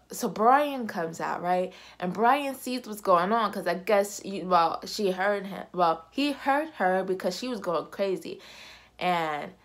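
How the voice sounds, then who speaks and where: A woman in her twenties telling a vlog story in a slangy, animated way. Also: mid-range voice. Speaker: vlogger.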